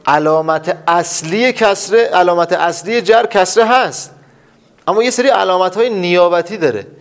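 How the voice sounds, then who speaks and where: Guy teaching a class, keeps firing questions and answering them himself, bit high pitched, students around. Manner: repetitive quizzing, asks and answers his own questions; emphatic, drills terms aloud. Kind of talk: classroom lesson.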